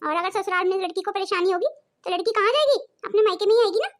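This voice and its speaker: A woman voicing a domineering, quick-tempered older mother-in-law in a cartoon, scolding and bossy. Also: very high-pitched. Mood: vindictive. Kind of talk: cartoon voice acting.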